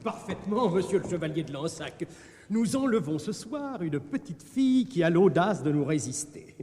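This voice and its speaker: An actor playing a scheming, obsequious steward in a radio operetta, wheedling over money. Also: male voice, sits high, sing-song, normal speed, warm tone. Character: scheming male steward, oily and fawning. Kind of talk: 1960s radio operetta dialogue. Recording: reverberant radio studio recording.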